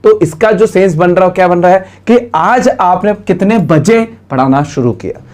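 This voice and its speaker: An Indian-accented male teacher gives a classroom English lesson in a voice pitched a little above the usual. He runs through explanations briskly, then slows right down to say each example sentence, and keeps asking the class to translate. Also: a little mellow. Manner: explains quickly, then says English sentences slowly and clearly; speaks directly to the students and prompts them to translate.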